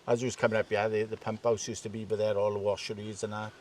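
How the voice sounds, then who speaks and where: A man's voice: fairly low pitch, level tone, quick pace, darkish tone. An older man with a Welsh Valleys accent, chatting casually and colloquially about local life as a lifelong resident. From South Wales Valleys. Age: late 50s or older. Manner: colloquial, tags sentences with "like" and "innit". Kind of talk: casual reminiscing chat. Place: outdoors in a former colliery village. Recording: distant mic, outdoor ambient noise.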